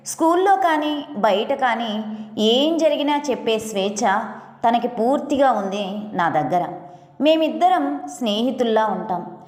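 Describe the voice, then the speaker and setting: A woman storyteller reads a first-person audio story in a gentle, expressive way. Her voice is fairly high, and it rings with long reverb in an echoey room. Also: measured pace.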